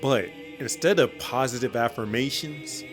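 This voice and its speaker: A man's voice: mid-range voice, normal speed, music in the background. A man giving comedic commentary on cartoon episodes, joking and ranting in slangy speech. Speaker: cartoon reviewer.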